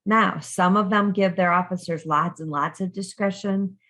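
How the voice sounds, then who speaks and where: A woman's voice: medium pitch, steady tone, normal speed, bright, forceful tone. A woman giving a recorded criminal justice lecture, conversational and full of questions to her students, with frequent ums and restarts.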